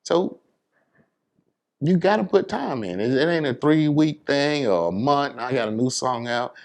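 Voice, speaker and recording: A man from New York City, USA, appears as an interview guest, speaking in a medium-pitched, animated voice at a moderate pace. His casual American talk leans on colloquial check-in phrases, especially "you know what I'm saying".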